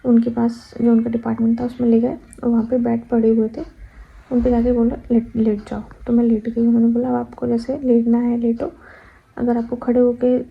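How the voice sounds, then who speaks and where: A young woman tells a personal story, acting out what she said at the time. Her voice is husky and a little high, and her pitch stays fairly level. The recording is slightly dull and lo-fi. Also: a little fast. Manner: animated retelling, acting out her own past cries. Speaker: vlogger. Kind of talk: casual storytelling vlog.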